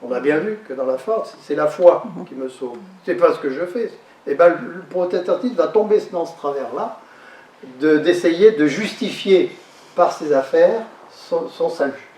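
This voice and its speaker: Heard from some distance off the mic in an echoey hall, a man with a fairly high, expressive, darkish voice gives a lecture. He explains haltingly, repeating words and restarting phrases.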